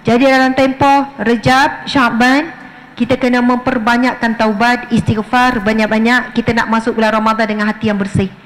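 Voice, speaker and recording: A middle-aged Malaysian woman with a Malay accent, giving a lively mosque lecture to women and acting out little scenes as she preaches. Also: on the high side, moderate pace, low-quality recording. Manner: lively, acts out little scenes in her speech. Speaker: religious teacher. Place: mosque prayer hall.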